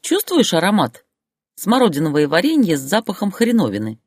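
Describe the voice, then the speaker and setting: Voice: mid-range voice, very animated, normal speed, a little mellow, no echo. A fed-up wife , voiced by a narrator, who snaps back with mocking, biting retorts in a lifted voice. The read is dry and close, with no room sound. It is an audiobook character voice. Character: fed-up wife, adult woman, turning sharp-tongued.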